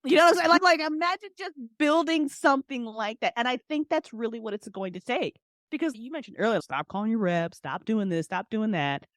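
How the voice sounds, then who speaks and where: A fairly high-pitched, slightly bright woman's voice comes through a clean studio recording without echo, talking a little fast. She's an independent entrepreneur guesting on a podcast, chatting casually and with passion while leaning on repeated key phrases.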